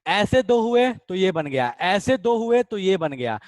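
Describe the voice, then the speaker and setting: A man teaches a chemistry class in a loose, conversational way, joking with his students and answering their chat comments. His voice sits a little on the high side. The sound is dry and close, with no room around it. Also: sing-song, measured pace, no echo. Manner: chatty, addresses students as beta, reads out their chat comments. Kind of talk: casual online class lecture.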